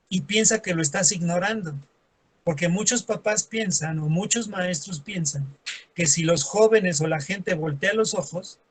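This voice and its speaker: A man's voice: sits high, breathy edge. A man teaching a lesson, acting out everyday scenes in quoted voices and adding sarcastic asides. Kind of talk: classroom lecture.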